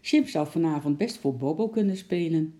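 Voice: medium pitch, expressive, normal speed, dark tone, lightly acted. A reader doing an eager little girl. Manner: eager, pleading.

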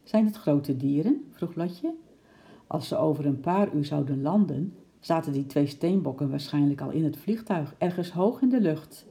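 A narrator calmly reading a children's book chapter aloud. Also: medium pitch. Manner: calm, measured storytelling.

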